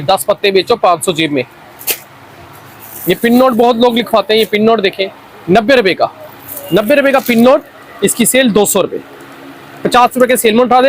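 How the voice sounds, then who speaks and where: Casting: Pakistani male trader, high voice, insistent repetitive hard-sell patter, faint background noise. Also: poor audio. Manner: repeats his lines insistently. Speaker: wholesale toy seller presenting stock. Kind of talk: unscripted hard-sell product pitch.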